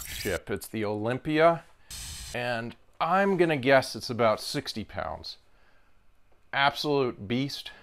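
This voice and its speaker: Middle-aged guy showing off old toys, low smooth voice, chatty and excited. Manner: chatty, enthusiastic, many fillers. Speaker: antique toy dealer. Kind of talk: casual product walkthrough. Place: indoor showroom with glass display cases.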